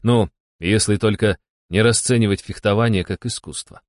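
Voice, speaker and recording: A man's voice: on the low side, steady tone, normal speed, no room sound, clean studio sound. A man narrating a humorous novel as an audiobook in a wry, ironic tone. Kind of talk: audiobook reading.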